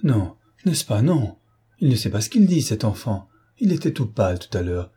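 Mother figure: anxious, imploring older woman, read by a man, husky tone. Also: fairly low pitch, big pitch swings, normal speed, mellow, heavily acted. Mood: pleading. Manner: imploring, wavering. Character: pleading anxious mother of an adult son.

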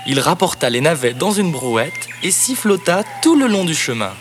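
A man narrating a children's storybook cassette in a lively, expressive read-aloud voice. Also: on the high side, normal speed. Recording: cassette narration over background music.

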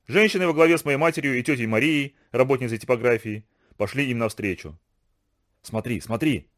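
A man reading a story aloud as narrator in an expressive, storytelling manner. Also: medium pitch, quick pace. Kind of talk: scripted audiobook narration.

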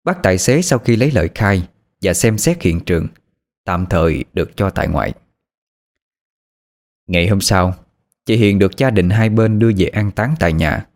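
A man reading a sad story aloud in slow, mournful scripted narration. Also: low-pitched, lively intonation. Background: faint music.

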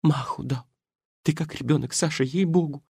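Stern elderly wife, raised pitch, reproachful, a male narrator's take. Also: normal speed, vocal fry, a little mellow, breathy edge, no echo, clean studio sound, full character voice. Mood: scolding. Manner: reproachful, chiding. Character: elderly woman, strict and scolding. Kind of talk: audiobook character voice.

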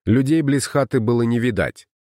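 A man narrates an audiobook from a script in a steady storytelling manner. His mid-range voice moves at normal speed, and the recording is dry with clean studio sound.

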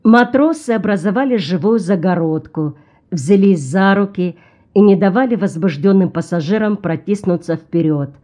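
A woman narrating an audiobook in an even, measured reading. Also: mid-range voice.

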